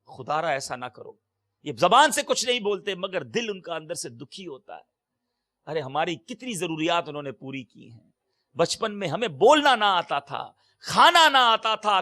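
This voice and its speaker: A man delivering an impassioned sermon, full of emphatic exclamations, swinging between loud and soft. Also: high-pitched, very animated. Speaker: preacher. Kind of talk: Urdu sermon.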